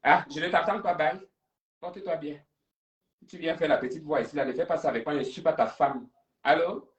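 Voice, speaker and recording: A man runs a live stream and takes callers, dramatic and quick to push back. His voice sits a little high. The sound is roomy and distant from the mic. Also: dull audio. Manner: theatrical, confrontational. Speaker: livestream host.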